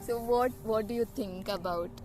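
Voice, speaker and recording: High-voiced Indian woman with Kannada accent, music behind. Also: normal speed, a little mellow. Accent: Indian, Kannada-influenced. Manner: conversational, frequent "you know" and "right" tags. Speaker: vlog host. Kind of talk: casual explanatory chat to viewers. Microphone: camera or phone built-in, no external mic. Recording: music behind, no dedicated microphone.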